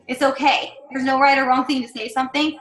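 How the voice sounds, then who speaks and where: Bright, high-voiced woman coaching a team. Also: level tone, a little fast, roomy sound, low-quality recording. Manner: chatty, encouraging, many fillers and asides. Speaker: team leader giving sales training. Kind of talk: casual coaching talk.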